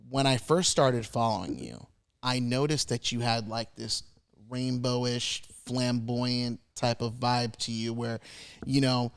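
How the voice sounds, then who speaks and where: A podcast host with a smooth, mid-range male voice asks questions during a casual interview. He's chatty and agreeable, dropping in "right" again and again.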